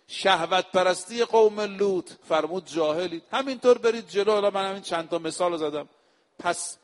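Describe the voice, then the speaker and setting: A male preacher giving a sermon, speaking to his listeners directly and reciting scripture quotes slowly and with emphasis. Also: high voice, big-room sound. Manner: addresses the audience directly. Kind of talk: religious sermon.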